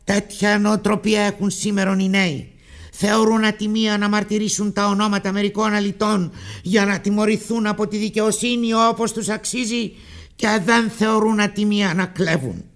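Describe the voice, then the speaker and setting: A man's voice: high voice, little pitch movement, fairly bright tone. A man voicing a stern police officer who lectures condescendingly, in a read-aloud story. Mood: lecturing.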